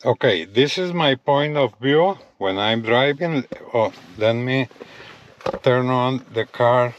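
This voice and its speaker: A gadget review vlogger gives a casual, hands-on product demo to his viewers in and around a parked pickup truck, speaking slowly and unhurriedly at a middling pitch. He repeats himself often while pointing things out, with faint vehicle noise nearby and the high frequencies cut off.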